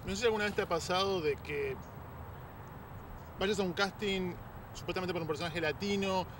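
A man's voice: sits high, brisk, a bit bright. A man interviewing an actor, asking long questions hesitantly while searching for his words. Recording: street and traffic noise.

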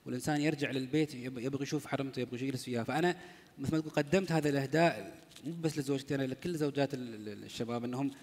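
A man's voice: mid-range voice, rapid-fire, darkish tone. A man with a Gulf Arabic accent, a panel guest telling a personal story with frequent restarts. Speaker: panel guest, religious singer. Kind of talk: personal anecdote in panel talk. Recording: long hall reverb.

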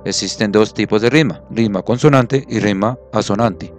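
A man's voice: fairly low pitch, moderate pace, faint music behind. A man teaching a classroom lesson, patient, counting syllables aloud and checking that students follow.

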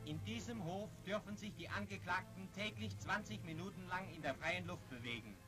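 High voiced guy doing formal 1940s newsreel narration, old soundtrack, loud music under it. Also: moderate pace.

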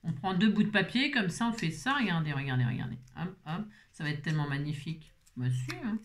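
Her voice low-pitched and expressive, a woman talks a little fast while hosting a craft tutorial despite a migraine. She rambles and addresses viewers as she works, making self-mocking asides.

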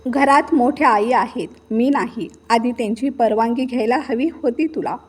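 A woman voicing a spiteful, sharp-tongued sister-in-law who scolds and taunts. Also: fairly high pitch, moderate pace, breathy edge. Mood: taunting.

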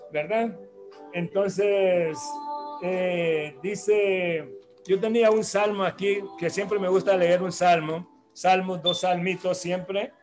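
High-voiced man hosting a church program. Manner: rambling, hesitant, with many restarts and tag questions. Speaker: religious program host. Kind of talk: announcements and church talk.

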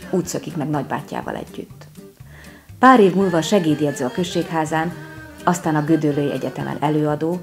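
Woman, documentary narrator, scripted narration, calm, measured, deep voice. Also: soft background music.

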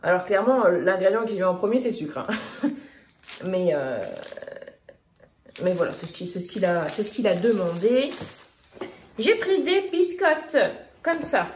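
Casually going over her groceries, a vlogger in her thirties speaks at normal speed in a mid-range voice with big pitch swings and long pauses. She restarts often and uses plenty of fillers. The recording has an echoey room sound and faint noise.

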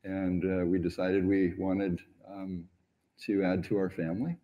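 A man's voice: sits low, little pitch movement, unhurried, lo-fi sound. A middle-aged man on an event stage telling stories in an interview, earnest and reflective, with frequent hesitations, on a lapel mic. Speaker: award honoree on stage. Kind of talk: onstage interview storytelling. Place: large event stage, indoors.

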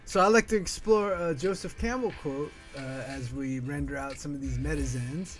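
A middle-aged artist talks through a drawing session at his home desk. His voice sits a little high for a man, and his delivery is loose and heartfelt, full of fillers. Soft music plays underneath. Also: normal speed. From Northern California. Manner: rambling, filler-heavy, earnest. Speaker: artist and channel host. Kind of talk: casual monologue while drawing. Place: home art desk, indoors.

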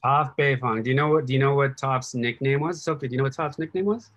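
A man's voice: mid-range voice, fast, fairly bright tone. A man co-hosting a casual family chat as a coach. He talks playfully and drops joking asides. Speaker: co-host and coach.

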